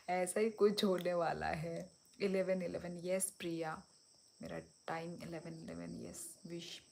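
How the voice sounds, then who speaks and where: Soft-spoken woman chatting slowly on a night livestream. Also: lowish voice, slight background noise. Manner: speaks softly and slowly so as not to disturb neighbours at night; switches between Hindi and a local language, reads and answers viewer comments. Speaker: livestream host. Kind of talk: casual live chat.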